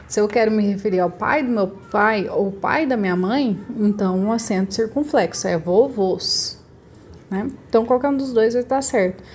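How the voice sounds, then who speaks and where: Brazilian Portuguese woman, mid-pitched teacher voice, patient and repetitive, remote lesson with faint noise. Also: darkish tone. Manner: patient, repeats each word slowly to show the stressed syllable.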